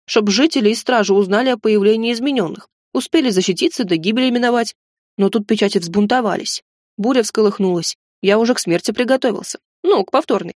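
A high-pitched, jittery little goblin man chatters on without pause in a folksy, wheedling patter, put on by a woman reading a storybook. He is loud and lively, and the recording is dry and close. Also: dry recording, close to an everyday voice. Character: chatty nervous male goblin servant, undead.

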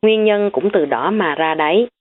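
A woman's voice: on the low side, normal speed, close to an everyday voice. A woman voicing a carefree, joking young man from a wealthy family. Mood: glum. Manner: breezy, joking. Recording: tinny phone-like recording.

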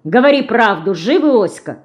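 A woman's voice: a little high, expressive, moderate pace, pitched above the performer's own voice, lightly acted. Woman voicing Dinka, an earnest, stubborn girl. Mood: stern. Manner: pleading and insistent. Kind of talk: audiobook character reading.

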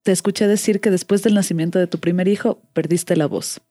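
A woman co-hosting a podcast, speaking in a mellow, warm tone that sounds dry and close. She poses thoughtful, musing questions to her guest. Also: on the low side, steady tone, brisk, dry recording. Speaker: podcast co-host. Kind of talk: interview questions.

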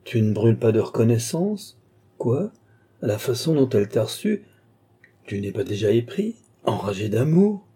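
A man reading an audiobook, voicing a scheming old male marshal who wheedles and then scolds in sudden high bursts. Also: very animated, normal speed, dark tone, slightly rough. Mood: exasperated.

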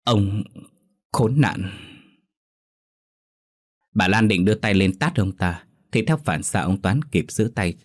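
A man narrating a scripted ghost story in a measured, dramatic manner. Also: low voice, animated.

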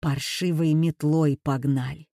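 A man's voice: fairly high pitch, fairly even intonation, a little slow, gravelly, warm tone, no echo, studio quality. Woman reading as a bitter older male professor. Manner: bitter, indignant.

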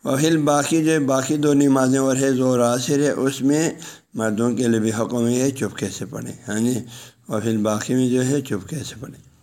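A man giving a religious lesson, working through a text one phrase at a time and explaining each in everyday speech. His pitch sits in an ordinary middle range for a man. He often adds small conversational fillers and talks straight to his listeners. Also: steady tone, mellow. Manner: speaks directly to listeners, telling them to pass the ruling on at home. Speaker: religious lecturer teaching a law book.

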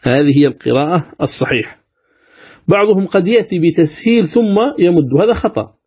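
A man giving a Quran recitation lesson, explaining step by step and chanting examples with long, drawn-out vowels. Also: on the high side, animated, darkish tone, husky. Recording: dull lo-fi recording.

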